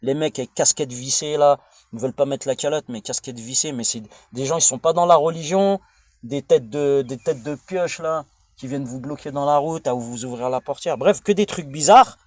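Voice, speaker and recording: This vlogger, a French-accented man from France who is an adult father of a young child, has a medium-pitched voice at normal speed, recorded without echo. His monologue is rambling and informal, blunt, crude, and slangy, with frequent digressions and repetition.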